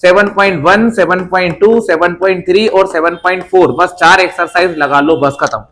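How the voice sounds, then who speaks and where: High-voiced reassuring male teacher. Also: moderate pace, fairly bright tone. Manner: informal, reassuring, repeats points with "है ना". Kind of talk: exam advice lesson to students.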